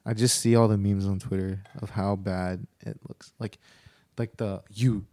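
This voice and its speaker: A man's voice: on the low side, level tone, measured pace, warm tone, no echo. A young man chatting casually, laid-back and hesitant, often restarting his sentences. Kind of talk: casual chat.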